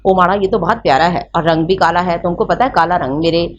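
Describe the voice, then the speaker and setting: A woman's voice: on the low side, fast, natural voice. A woman voicing a fiery young Pathan girl. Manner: brash, threatening, mixes up grammar. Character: feisty young Pathan woman, quick-tempered. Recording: slightly muffled with faint hiss.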